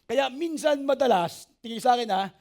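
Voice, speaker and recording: A man, a pastor preaching an animated sermon, asking the congregation for amens and joking with them. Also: extremely high pitch, moderate pace. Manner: animated preaching, asks the church for amens and jokes with it.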